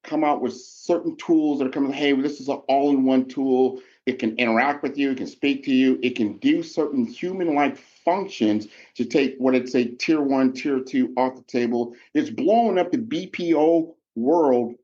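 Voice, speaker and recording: A man hosting a podcast interview, talking in an animated, rambling way. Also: medium pitch, normal speed, hardly any pauses, lo-fi sound. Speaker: podcast host. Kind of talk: conversational interview.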